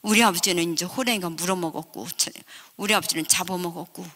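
An older woman with a Chungcheong Korean accent gives her testimony from a church platform. Her voice is bright and forceful. She tells the story vividly and acts out the family voices. A long hall reverb trails each line. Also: on the low side, fast talker. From Chungcheong region, South Korea. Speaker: guest revival speaker. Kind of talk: emotional testimony at a revival meeting. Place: church sanctuary.

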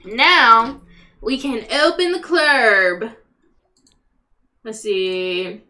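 A young woman casually commentating on a game as a live streamer and chatting with viewers, sweary and excitable. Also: fairly high pitch, extremely slow. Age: young adult. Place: small room at home, indoors.

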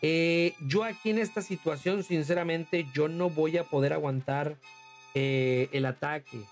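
A talkative man with a Mexican accent streams a game and chats with viewers, his voice sitting a little high. He calls them "monstruo" as he thanks them, while faint music plays behind him. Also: a little slow. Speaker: livestreamer. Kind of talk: casual livestream gaming commentary.

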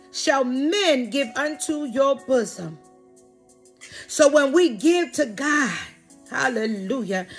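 A woman preaching a lively sermon to her online congregation, repeating phrases, calling out to viewers by name and crying hallelujah. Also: sits high. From Philadelphia. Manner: repetitive, exclamatory, frequent hallelujahs and laughs.

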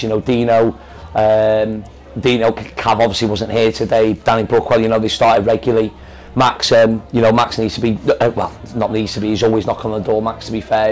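Candid football manager, post-match. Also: male voice, on the low side, a little mellow, rough recording. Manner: candid, hesitant with many fillers and restarts. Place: indoors in front of a club sponsor board.

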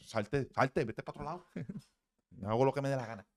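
A man's voice: medium pitch, brisk. A man, a baseball hitting coach, giving blunt, profane, emphatic swing-analysis commentary.

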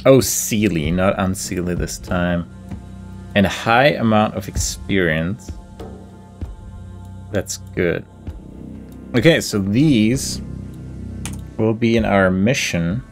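This video game commentator has a lowish voice and speaks slowly with long pauses. Casual and deliberative, he talks himself through his choices as faint game music plays.

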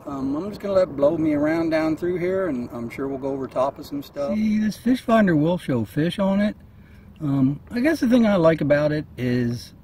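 Out in a kayak on open water, a middle-aged American kayak angler gives a casual, plain-spoken and folksy review of gear. His mid-range voice has a darkish, slightly rough tone. Most of the clip is outdoors.

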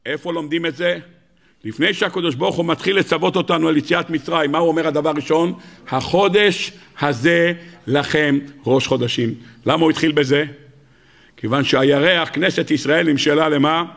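A man preaching a sermon as a rabbi, animated and emphatic, acting out voices in his stories. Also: gravelly. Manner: animated preaching, rising to high emphatic peaks and acting out dialogue.

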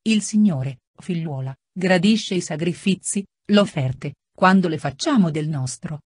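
A woman reading an audiobook, voicing an old, frail and kindly male friar with a grave, gentle manner. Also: fairly low pitch, lively intonation, measured pace, husky, no echo, clean studio sound.

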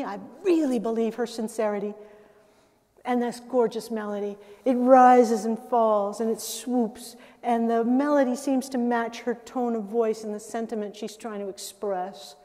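An older woman giving a conversational public lecture about music, pausing and laughing between thoughts. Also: fairly high pitch, fairly even intonation, dark tone. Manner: conversational, with laughs and self-interruptions. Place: lecture hall. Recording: reverberant lecture hall sound.

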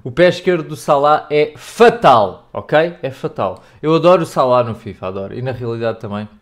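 A young European Portuguese man chatting to his stream as he opens packs. He rambles casually and jumps into excited outbursts over good pulls. His voice sits at an ordinary middle pitch. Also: moderate pace. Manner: animated, shouts and laughs over big pulls, chatty asides to chat. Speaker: gaming youtuber. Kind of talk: excited pack-opening commentary.

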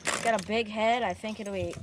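A young male angler chatting casually on a small river boat, chiming in eagerly with quick agreement. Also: sits high, steady tone. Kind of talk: casual chat. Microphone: action camera on the boat. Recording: outdoor camera mic with noise.

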